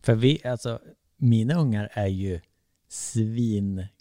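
A man's voice: fairly low pitch, mellow, no echo, studio quality. A man from Sweden, a podcast co-host, chatting casually and joking, slipping into voices of parents and kids. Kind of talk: casual chat.

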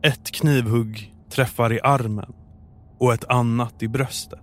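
Calm man narrating true crime. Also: medium pitch. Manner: calm, measured storytelling. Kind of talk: scripted narration.

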